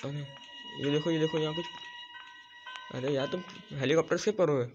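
A man in the middle of a co-op game fires off hurried commands, repeating himself as he talks in a voice a little higher than usual. The sound is dull and lo-fi, with loud game music underneath. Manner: urgent, repeating commands to his partner. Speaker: gamer playing with a partner. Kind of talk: live gameplay commentary.

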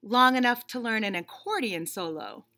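At a normal speed and with animation, a woman in her thirties reads a picture book aloud in a teacherly, emphatic, instructive way. Her voice is a little high with a sharp tone, and she reads seated in a small room indoors.

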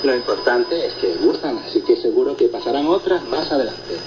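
Heard over shortwave, a male radio co-host reads listener reports and answers them in a chatty presenting style, his medium-pitched voice expressive and a little quick. The reception is noisy, muffled and echoey, with loud static in the background.

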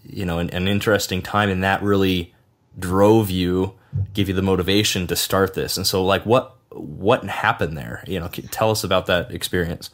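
A man's voice: low voice, steady tone, normal speed. A man hosting an interview, talking in a loose, rambling conversational way. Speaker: podcast host. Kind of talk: casual interview chat.

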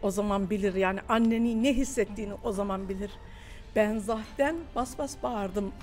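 A woman's voice: medium pitch, moderate pace, over music. A woman, a mother, speaking emotionally in an on-location interview, her words pleading.

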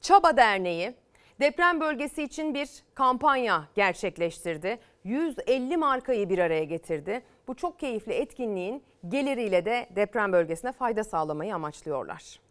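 Smooth-voiced woman anchoring morning news. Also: mid-range voice, sing-song, moderate pace. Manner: reads out viewer messages and comments on them. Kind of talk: weekend morning news presenting.

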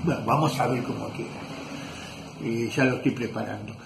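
A man's voice: medium pitch, brisk, gravelly, background noise. A man with an Argentine accent, a leatherwork teacher chatting casually in his workshop, rambling and correcting himself with lots of fillers. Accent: Argentine Spanish. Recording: echoey workshop room.

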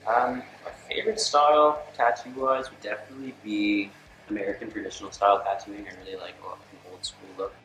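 A man's voice: fairly low pitch, steady tone, fairly quick, fairly bright tone. An eighteen-year-old man from Canada talking casually in a seated interview, full of "like" fillers. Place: studio with gray backdrop. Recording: roomy studio with music bed.

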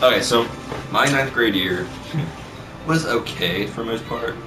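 In an unhurried, mid-range voice, a teenage or young adult man tells school stories for his vlog from a small bedroom. The chat is casual but brash and full of swearing and repetition, captured by a camera mic set far away with loud music in the mix.

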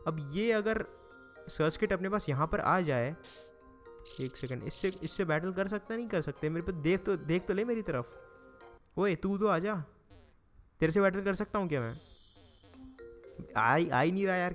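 A young Indian man with a Hindi accent and a slightly high voice talks through his game in a loose, chatty way. He groans and pleads with the game, and faint game music plays under him. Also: animated, normal speed, long pauses. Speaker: gaming YouTuber. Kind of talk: casual Let's Play commentary.

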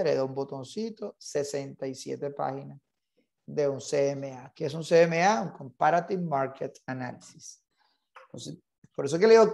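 A man's voice: fairly high pitch, creaky, darkish tone. A man leading an online real estate training class, insistent and repetitive, mixing English terms into his Spanish.

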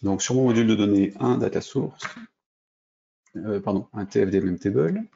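A French man with a low, gravelly, dark voice walks through a coding tutorial, thinking aloud with frequent hesitations and restarts. The audio is dull and lo-fi, with mouse clicks behind him. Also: normal speed, slight background noise. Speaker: programming instructor. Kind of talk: screen-recorded coding tutorial.

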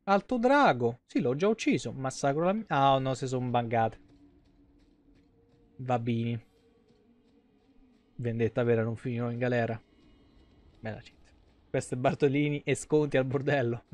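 With a mid-range voice, a slightly slow pace and long pauses, the young streamer offers casual, profane gameplay commentary. He reacts animatedly to the game and chat from a small indoor room at home.

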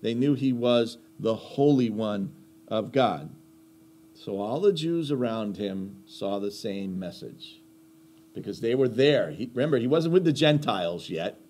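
A man's voice: on the low side, lively intonation, measured pace, darkish tone. A man teaching a Bible lesson in a conversational sermon style, emphatic, asking rhetorical questions and repeating key phrases.

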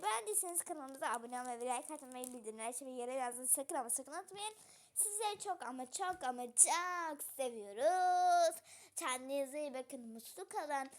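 A woman's voice: sits high, a bit bright. A woman hosting a game channel, cheerfully rattling off a video outro. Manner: cheerful, rattles off sign-off phrases. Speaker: channel host.

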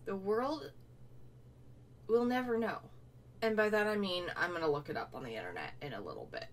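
Very animated and mid-range in pitch, a young woman moves at a moderate pace through a casual unboxing vlog. She's playful and self-mocking, sometimes talking with food in her mouth, and the distant mic picks up faint room noise.

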